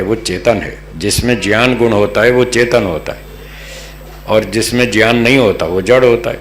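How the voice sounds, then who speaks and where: A man from Delhi giving a religious philosophy discourse as a spiritual teacher, patient and explanatory, repeating key terms. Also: lowish voice. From Delhi, North India. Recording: echoey hall with faint hum.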